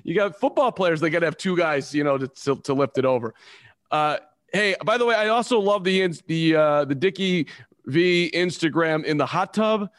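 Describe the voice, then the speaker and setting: A man's voice: fairly high pitch, normal speed, fairly bright tone, no echo. Chatty male interviewer, dry sound. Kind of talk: casual interview chat.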